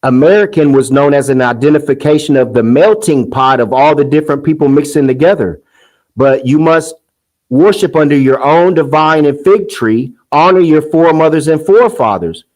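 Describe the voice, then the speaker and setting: A man's voice: fairly high pitch, normal speed, darkish tone, low-quality recording. A man hosting a casual commentary monologue, heated and scoffing, rambling with restarts. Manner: sing-song mocking quotes. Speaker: commentary host.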